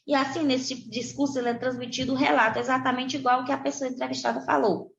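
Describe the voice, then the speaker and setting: A Brazilian woman teacher with a Brazilian Portuguese accent, reviewing a lesson for children and slowly spelling out example words. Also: high voice, flat delivery, gravelly. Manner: slow, deliberate pronunciation of example words. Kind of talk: recorded classroom lesson for children. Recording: roomy, dull lo-fi recording.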